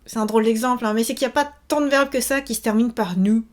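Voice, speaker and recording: A woman's voice: on the high side, steady tone, fast talker. A woman giving a casual video lesson, chatty, with many fillers, repeating each example word. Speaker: Japanese teacher.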